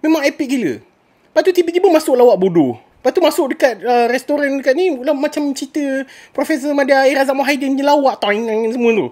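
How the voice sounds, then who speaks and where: A woman's voice: high-pitched, lively intonation, quick pace, darkish tone. A woman with a Malaysian accent giving a casual spoken movie review, ranting in exasperation and mixing in English phrases.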